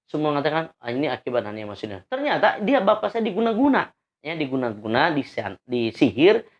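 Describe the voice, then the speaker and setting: A man telling his story to an audience in an earnest, emphatic way, often pausing with hesitations. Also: mid-range voice, lo-fi sound. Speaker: convert giving testimony. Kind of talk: spoken testimony to an audience.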